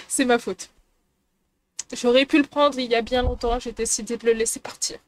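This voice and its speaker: A woman's voice: on the high side, steady tone, moderate pace, slight background noise. A woman streamer chatting casually and playfully with her viewers, giggling and teasing the chat.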